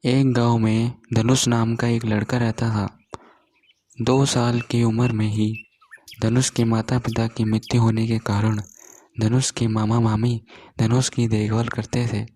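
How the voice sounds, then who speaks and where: Telling a scripted story for children, this man narrates at a slow pace in a mellow, medium-pitched voice. His pitch barely moves, staying level throughout.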